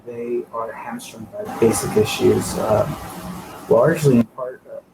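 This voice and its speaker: A man's voice: mid-range voice, fairly even intonation, a little slow, creaky, very noisy. A man giving a conversational presentation at an online user group meetup, with frequent fillers, on a computer microphone. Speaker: guest presenter. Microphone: home computer microphone on a video call.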